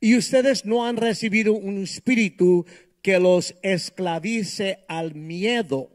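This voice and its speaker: A man with a high-pitched voice preaches to his listeners. He speaks in short, emphatic phrases, leaves pauses for an interpreter, and often checks that people follow. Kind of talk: live bilingual sermon and prayer, pausing for an interpreter.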